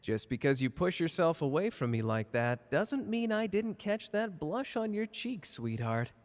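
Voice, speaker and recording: Man acting Gojo, cocky high-voiced flirty sorcerer. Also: sing-song, a little slow. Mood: flirtatious, smug. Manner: playful, smug, drawling, teasing. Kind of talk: anime character roleplay audio drama. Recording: reverberant hall, audible background noise.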